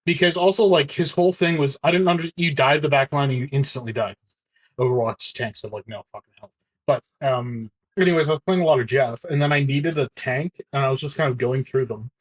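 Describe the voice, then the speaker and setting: A man's voice: medium pitch, a little fast. Rambling, laughing male podcast co-host. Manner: rambling, swears often, laughs easily. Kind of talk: casual chat.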